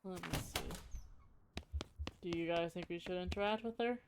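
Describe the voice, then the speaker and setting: A game streamer with a middling pitch talks through a playthrough. The delivery is casual and hesitant, thinking aloud between bits of on-screen text read out. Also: moderate pace, noisy background.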